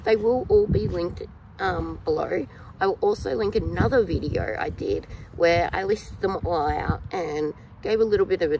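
Australian woman, 30s, vlogging outdoors on a phone held low; rambling, animated delivery with a gravelly fry. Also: background noise. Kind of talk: casual talk to camera. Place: outdoors in a yard, in shade. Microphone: phone camera held low at arm's length.

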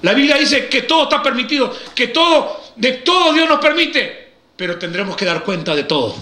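Emphatic preacher with a high, bright voice. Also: male voice, sing-song, moderate pace, echoey room. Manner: emphatic, acts out quoted voices. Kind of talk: sermon.

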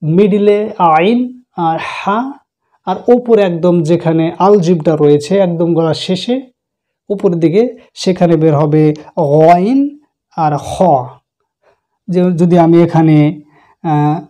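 A man teaching Quran recitation in a patient, step-by-step way, explaining each letter and sound and repeating them slowly. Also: on the high side, warm tone.

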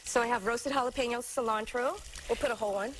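A chatty woman chef in her thirties gives a cooking demo on a studio kitchen set. Her voice sits fairly high and she stops often to restart her thoughts. A lapel mic picks her up over a faint hum of studio noise. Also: fast, fairly bright tone, poor audio. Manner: chatty, hesitant, many fillers and restarts. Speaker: guest chef.

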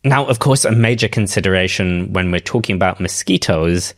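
A man hosting a science podcast, asking a reporter brisk, curious questions and introducing clips. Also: low voice. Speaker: podcast host. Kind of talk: interviewing a reporter.

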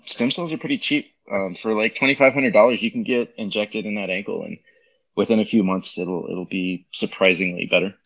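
Speaking a little fast in a lowish, somewhat bright voice, a man covers crypto charts on a livestream in a loose, um-filled ramble. He works as a crypto market commentator and talks through a Bluetooth headset that makes him sound tinny.

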